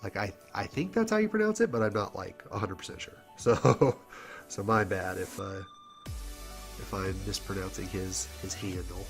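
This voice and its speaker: Male caster, low voice, stuffy from a cold, relaxed chatty play-by-play over loud game music. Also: normal speed, gravelly. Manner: casual, chatty, laughs often, many fillers. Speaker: esports commentator. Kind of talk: solo play-by-play commentary.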